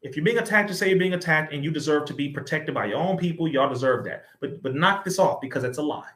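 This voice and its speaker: Young male commentator, preachy and impassioned, talks straight at his audience; slightly high voice, echoey room sound. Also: fast talker, fairly bright tone. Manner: impassioned, preachy, addresses listeners as y'all. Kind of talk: reaction commentary on a video.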